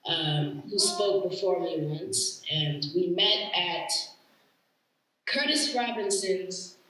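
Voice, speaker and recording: A man's voice: high-pitched, slow pace, bright, forceful tone. Giggly young-sounding man on a call. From Connecticut. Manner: light-hearted and giggly, with many fillers. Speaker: actor and guest. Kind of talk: casual interview over video call. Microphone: video call. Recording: echoey room with faint noise.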